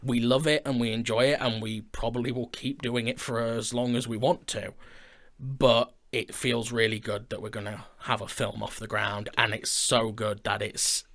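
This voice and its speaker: An audio drama creator and film director co-hosts an informal studio chat indoors, talking enthusiastically about his creative work and announcing projects. He speaks at a moderate pace in a mid-range, fairly bright voice with flat delivery.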